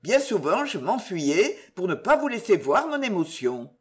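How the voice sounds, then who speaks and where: A woman voicing an earnest young man in love in an audiobook, speaking gravely and tenderly. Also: medium pitch, big pitch swings, normal speed, lightly acted. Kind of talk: audiobook character reading.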